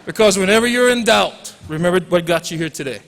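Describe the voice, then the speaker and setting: A Hawaiian man in his forties, a teacher, gives a loose commencement speech in a large hall, tossing in jokes and bits of Pidgin. His voice is high, fast, creaky and a bit bright, with a Hawaiian accent. The hall audio is reverberant.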